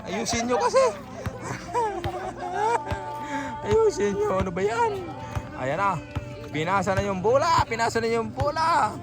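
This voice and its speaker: Woman, breathless, lively up-and-down voice, courtside game commentary, teasing, loud music in the background. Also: very high-pitched, slow, creaky, pauses often, over a noisy crowd. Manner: exclaims and calls out plays, teasing the players. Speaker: vlogger commenting on a local basketball game. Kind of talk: excited play-by-play commentary.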